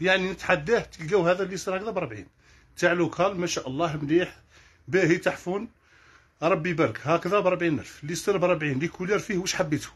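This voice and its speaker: Fast-talking Algerian man listing prices. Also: high voice, a bit bright, breathy edge. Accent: Algerian Arabic. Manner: rattles off prices in quick succession. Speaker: kitchenware shop owner. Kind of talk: live sales stream.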